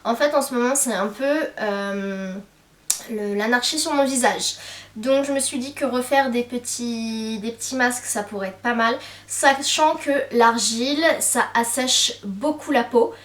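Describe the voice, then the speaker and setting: A young woman with a slightly high voice chats about beauty buys, filling her sentences with hesitant fillers. She is recorded from a little way off the mic, and the room adds a clear echo. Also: unhurried, far from the mic. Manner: chatty, many hesitant fillers. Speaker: beauty vlogger. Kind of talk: casual haul chat to camera.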